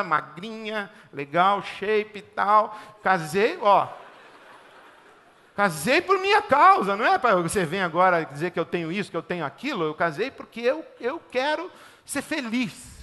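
A man's voice: high voice, pushed and bright. A middle-aged man preaching a conversational sermon, emphatic and fond of rhythmic repeated lists. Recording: long hall reverb.

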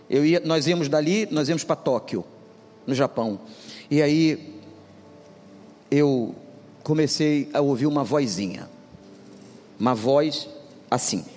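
A man's voice: fairly high pitch, darkish tone, a little hiss or hum. A male pastor delivering a humorous storytelling sermon, speaking animatedly and addressing the congregation directly. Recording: long hall reverb with music behind.

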